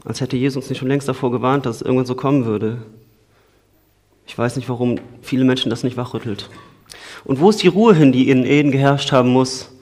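A man from the Cologne area, giving an informal sermon in a conversational way, moving between lively storytelling and quiet earnestness. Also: mid-range voice, fairly quick. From Cologne area, Germany. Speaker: preacher.

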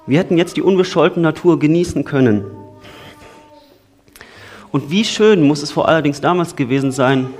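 Earnest man preaching casually. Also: on the high side. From Cologne area, Germany. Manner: conversational, swings between excited storytelling and quiet earnestness. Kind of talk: informal sermon.

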